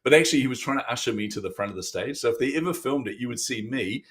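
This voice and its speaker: A man from New Zealand, a neuromarketing coach guest on an interview, telling stories in a casual, animated way and acting out the exchanges he quotes. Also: mid-range voice, rapid-fire.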